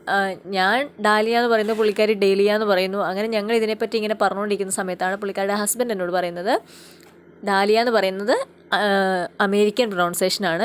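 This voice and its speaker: A woman from Kerala talks her viewers through a farm garden outdoors. Her delivery is casual and explanatory. She keeps checking in with little tag questions as she goes. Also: medium pitch. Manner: chatty, explanatory, often adds tag questions. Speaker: vlogger. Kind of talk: casual walking farm-tour vlog.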